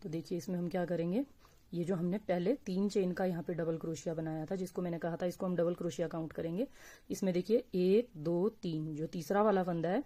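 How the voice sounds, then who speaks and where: A woman teaching crochet step by step, speaking slowly and patiently and counting stitches aloud. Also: on the low side, steady tone, warm tone. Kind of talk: step-by-step crafting tutorial.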